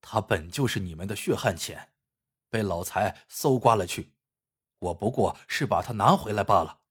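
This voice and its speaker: A male storyteller voicing a hard, vengeful young bandit who talks gruffly and coldly. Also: lowish voice, moderate pace, a bit bright, voice pushed down. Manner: gruff, cold and menacing.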